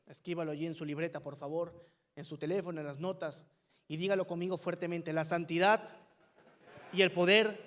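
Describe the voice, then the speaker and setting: High-voiced male pastor preaching in a reverberant church. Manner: emphatic, with many rhetorical questions to the congregation. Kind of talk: sermon. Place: church sanctuary.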